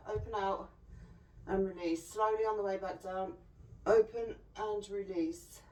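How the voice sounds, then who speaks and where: A woman fitness instructor talks a class through a home workout, giving calm, encouraging cues at an unhurried pace. Her voice comes from some distance off the mic in a roomy, echoing space. A faint hum of background noise sits under her voice. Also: medium pitch. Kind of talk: follow-along workout instruction. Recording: echoey room, voice from a distance.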